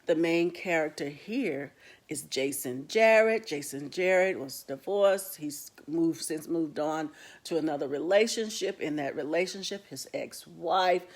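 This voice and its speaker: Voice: mid-range voice, measured pace. A book club host giving a casual, rambling talk straight to the viewers and retelling stories along the way. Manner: chatty, talks straight to viewers as "guys".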